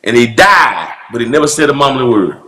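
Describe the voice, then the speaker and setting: A pastor breaking down sermon clips in a playful, drawling call-and-response manner. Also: male voice, mid-range voice, very animated, fairly quick, sharp tone, reverberant.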